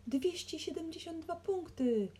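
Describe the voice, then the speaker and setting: A woman voicing a gloomy businessman who bursts out shouting animal names and scores in a high, strained voice. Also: expressive, measured pace. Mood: frantic shouting.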